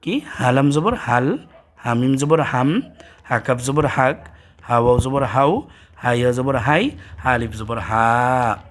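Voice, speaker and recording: Bangladeshi male teacher, slow deliberate recitation drills, mid-pitched voice. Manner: slow, drills letter sounds aloud, repeating each. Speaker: Quran teacher.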